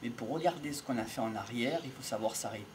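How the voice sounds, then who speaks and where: An older man talks to camera from a country field, handheld mic in hand, reflecting slowly on voice and communication. His medium-pitched speech is measured and philosophical with frequent pauses, over faint outdoor birdsong and a slight hiss or hum.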